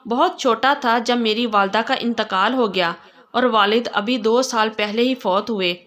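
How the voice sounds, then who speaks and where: A woman voicing a playful, clingy young blind man in a spoken story, in an earnest, softly pleading way. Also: a little high, natural voice. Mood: sad.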